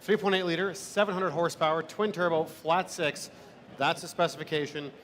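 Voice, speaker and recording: A man's voice: a little high, fairly even intonation, brisk, a bit bright. A man announcing auction lots, formally reading out specifications. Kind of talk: formal spec read-out. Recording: faint background noise.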